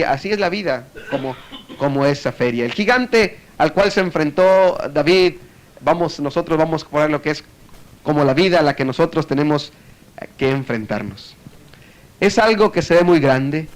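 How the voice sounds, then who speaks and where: A man preaching a sermon, telling a story and acting out echoes, often checking in with his listeners. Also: fairly high pitch. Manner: storytelling, acts out echoes, frequent tag questions.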